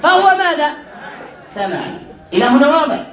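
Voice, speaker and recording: A man teaching a class on word patterns, quizzing his students often and slowing down to stress each pattern. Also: very high-pitched, sing-song, fairly bright tone, some chatter behind. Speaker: teacher of Arabic morphology. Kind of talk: classroom lesson. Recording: roomy classroom from a distant mic with class murmur.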